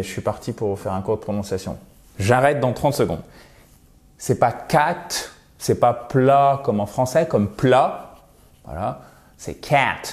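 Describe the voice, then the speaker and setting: A man's voice: medium pitch, darkish tone. A man giving a casual video lesson on English pronunciation, explaining step by step and checking in with "ok?" as he goes. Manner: chatty, explains step by step with frequent "ok?" and "d'accord?"; models English sounds by repeating them. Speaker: English teacher.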